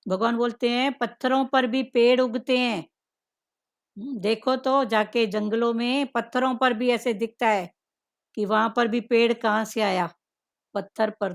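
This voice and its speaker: Woman spiritual teacher, fairly high gravelly voice, unhurried devotional talk, lots of thoughtful "hmm"s. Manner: slow, musing, with frequent "hmm" fillers.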